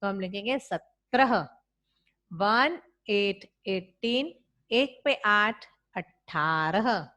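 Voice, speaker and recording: An Indian woman leads a children's class at a gentle crawl, stretching each number out and pausing for pupils to repeat after her. Her voice sits in an ordinary middle pitch, patient and deliberate. She sounds like a schoolteacher recording an online lesson. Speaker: teacher.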